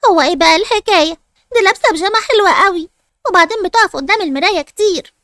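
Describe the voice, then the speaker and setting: A woman's voice: extremely high pitch, rapid-fire, fairly bright tone, dry recording. A woman with an Egyptian accent voicing a jealous, suspicious young girl who complains sulkily, in a dry recording. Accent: Egyptian Arabic. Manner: sulky, complaining.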